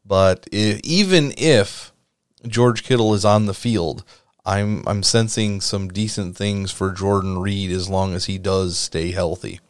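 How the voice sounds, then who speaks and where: A man's voice: low voice, unhurried, clean tone, dry recording, clean studio sound. A man hosting a casual sports chat, his voice cutting out and glitching over a remote call connection. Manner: rambling, animated, with restarts. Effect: glitching, cutting-out audio over a call. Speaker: podcast host.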